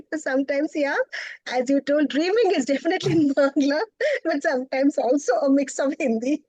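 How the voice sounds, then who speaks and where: A middle-aged woman from Bengal, a poet and professor, speaks as a guest in an interview conversation with an Indian English accent. Her voice sits high with a darkish tone and no room sound, and she's thoughtful, pausing often and frequently laughing.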